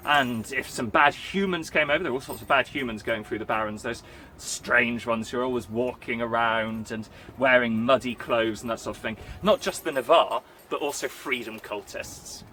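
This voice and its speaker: A man's voice: medium pitch, moderate pace, bright, forceful tone. A man chatting casually on his vlog, rambling and playful as he tells a story in character. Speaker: vlogger recounting a live-action role-play event.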